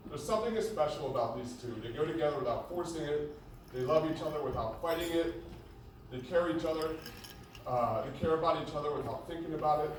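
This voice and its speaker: A young man giving a humorous best man speech, joking and pausing between short phrases. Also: on the high side. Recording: echoey venue, distant mic, noisy background.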